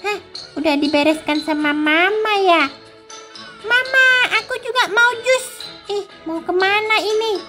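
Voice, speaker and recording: A woman's voice: extremely high pitch, a little slow, bright, forceful tone, soft background music, voice pushed up, full character voice. A woman voicing a jealous, mischievous little boy in a game, talking in a whiny, childish way.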